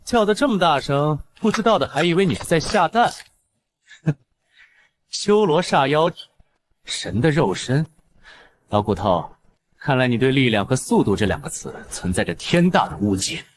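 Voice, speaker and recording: A man's voice: a little high, big pitch swings, moderate pace, long pauses. An actor playing a swaggering young male fighter who mocks his foes in a coarse way. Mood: cocky. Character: cocky brawler man, a body cultivator.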